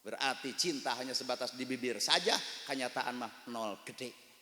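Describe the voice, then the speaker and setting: Male Sundanese-accented preacher, bright tense tone, lively storytelling sermon, recorded with a long hall reverb. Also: mid-range voice, normal speed. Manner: animated storytelling, acting out dialogue, bursts of shouting. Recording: echoey hall from a distance.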